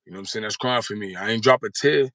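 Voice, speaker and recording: A man's voice: lowish voice, quick pace, a bit bright, no echo. Thirties guy telling his story, street slang, keeps going "you know what im saying", dry mic. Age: 30s. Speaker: guest. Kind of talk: candid interview storytelling.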